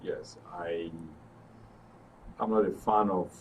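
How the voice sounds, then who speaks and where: Slowly and in a low voice with fairly even intonation, a man with a Nigerian accent gives political commentary as a studio guest on radio and TV, repeating phrases for emphasis. Faint background noise comes through the distant mic.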